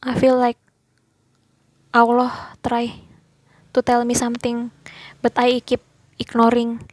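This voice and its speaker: A woman's voice: on the high side, monotone, slow pace, no room sound. A woman voicing a distressed, tearful young female friend who speaks in broken, pleading phrases. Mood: anguished.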